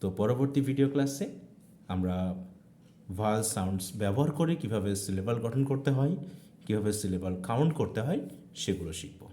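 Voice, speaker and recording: A man's voice: on the low side, animated, brisk, dark tone, echoey room, a little hiss or hum. A man teaching a video class, lecturing with rising check questions and stretched emphasis on key terms. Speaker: English teacher.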